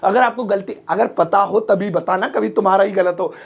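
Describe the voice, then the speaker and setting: Gravelly-voiced joking male English teacher. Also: high-pitched. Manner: joking, chatty, slangy teasing asides; repeats English phrases slowly and clearly. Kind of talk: casual spoken-English lesson.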